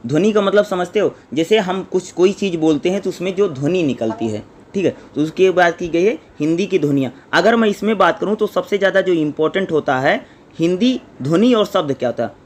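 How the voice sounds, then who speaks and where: High-voiced man teaching an exam lesson. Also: lively intonation. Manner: repeats questions to the listener and answers them himself; sounds out syllables slowly one by one. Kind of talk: exam-prep lecture.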